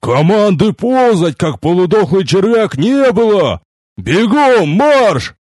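A man voicing a gruff middle-aged male army sergeant who barks contemptuous orders, in a storybook reading. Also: medium pitch, lively intonation, takes it slowly, no echo, studio quality. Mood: barking.

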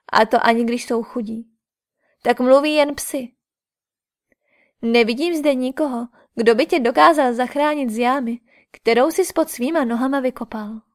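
A woman reading an audiobook, voicing an angry, scornful princess who shouts her threats. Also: a little high, close to an everyday voice. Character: furious proud young princess Draupadi.

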